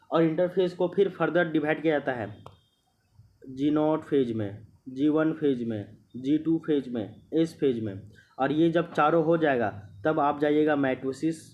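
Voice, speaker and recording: A man teaching an exam-prep lecture, explaining step by step, repeating himself and checking that students understand. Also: fairly high pitch. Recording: muffled lo-fi recording.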